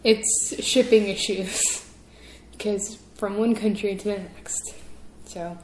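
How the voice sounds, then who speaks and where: A woman's voice: mid-range voice, steady tone, takes it slowly, echoey room, noisy background. A woman hosting a casual taste-test video, chatting to viewers in a giggly manner. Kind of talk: casual chat to camera.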